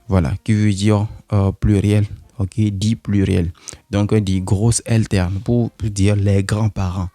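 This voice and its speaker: A man teaching a German lesson in French, slowly repeating words, with many fillers and asides to viewers. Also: on the low side, gravelly, mellow, no echo. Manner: slow, repetitive, with many fillers.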